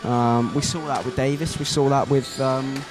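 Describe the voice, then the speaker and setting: A young man commentating live on a student squash match in a chatty way. He often stumbles and restarts mid-sentence. Loud music sits under his voice. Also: medium pitch, fairly even intonation, moderate pace. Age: young adult.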